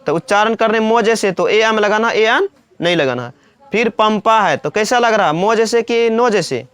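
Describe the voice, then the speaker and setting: A woman's voice: medium pitch, animated, moderate pace, smooth. A woman teacher giving a spelling lesson for children, asking questions and then answering them herself, repeating every point. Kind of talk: slow classroom-style spelling lesson.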